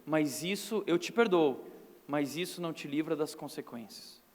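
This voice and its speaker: Man playing a strict father, low and firm, no shouting, reverberant hall. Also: lively intonation, moderate pace, natural voice. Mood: stern. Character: stern father disciplining his son.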